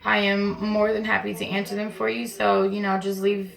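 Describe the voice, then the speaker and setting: A woman's voice: mid-range voice, flat delivery, moderate pace, creaky, low-quality recording. A woman vlogger talking casually and informally to camera, explaining things in a chatty way from her bathroom at home. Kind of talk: casual vlog talk to camera.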